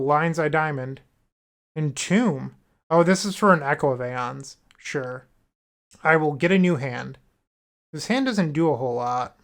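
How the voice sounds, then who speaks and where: A man's voice: fairly high pitch, fairly bright tone. A man giving casual commentary on his own card game matches, thinking aloud through each play in an upbeat, wry way. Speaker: gameplay commentator.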